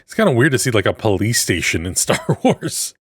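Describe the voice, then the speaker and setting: A man's voice: mid-range voice, sing-song, fairly quick, fairly bright tone, breathy edge, no room sound, clean studio sound. A man hosting a reaction show, making casual, amused exclamations as he watches.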